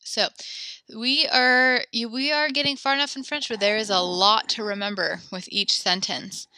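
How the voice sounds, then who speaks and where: A young woman's voice, a little high with fairly even intonation and a sharp tone, moves at normal speed as she teaches French online. The recording is dry, she's close to a headset or desk mic, and she sounds slightly out of breath. Patient and encouraging, she explains each step.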